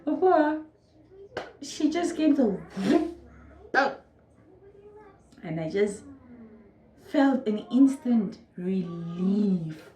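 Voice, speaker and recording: A woman's voice: medium pitch, drawn-out words, long pauses, roomy sound, a little hiss or hum, rough recording. A young woman with a Namibian accent, telling a personal story casually to her viewers and acting out moments. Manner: animated, acts out moments with quoted voices and sound effects. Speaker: vlogger.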